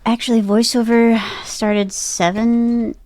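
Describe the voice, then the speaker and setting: This woman is a voice actor and podcaster speaking as a guest in a casual interview. Her voice is fairly high and mellow, with a level tone and a slow pace, captured in a dry recording. She tells personal stories and keeps quoting her own thoughts along the way.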